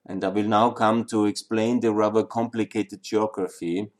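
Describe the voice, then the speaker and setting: An Austrian man with an Austrian German accent lectures an audience on Balkan history. His voice is on the low side and his delivery is flat, halting, and full of fillers and restarts.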